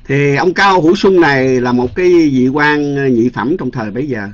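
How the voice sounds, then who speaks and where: Male Buddhist monk, mid-pitched, rambling dharma-talk storyteller; lo-fi recording. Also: normal speed. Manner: chatty storytelling with many fillers and repeated words. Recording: dull lo-fi recording.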